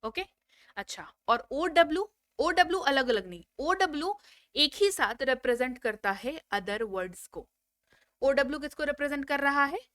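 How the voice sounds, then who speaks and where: A woman's voice: high voice, expressive, moderate pace, a bit bright, no room sound. A woman teaching a spoken English lesson, drilling word lists and prompting students to repeat after her.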